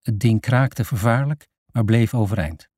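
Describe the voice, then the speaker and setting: A man reading a children's novel aloud as narrator, in a steady storytelling manner. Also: on the low side, measured pace, breathy edge, no echo, clean studio sound. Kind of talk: scripted audiobook narration.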